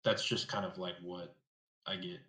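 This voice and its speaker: Male co-host, lowish voice in a roomy, echoing space; casual, rambling, trails off. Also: lively intonation, moderate pace. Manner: rambling, many fillers, trails off softly. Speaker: basketball podcast co-host. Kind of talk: casual sports chat.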